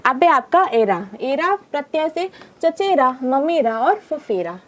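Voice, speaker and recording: A woman's voice: sits high, big pitch swings, measured pace. A young woman teaching a grammar lesson, repeating examples and quizzing the viewer with reminders. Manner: repetitive, drilling with reminders and quiz questions.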